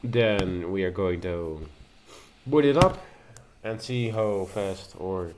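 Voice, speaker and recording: This Dutch-speaking tech video host talks low and unhurried, halting and a little nervous as he fills and restarts his way through a casual screen-recording tutorial. Faint hiss sits behind him.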